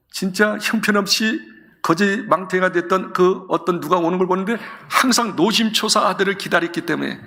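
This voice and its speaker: A male senior pastor delivers an emphatic sermon and keeps asking his listeners questions. His voice sits high and sounds bright and forceful. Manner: emphatic, many rhetorical questions.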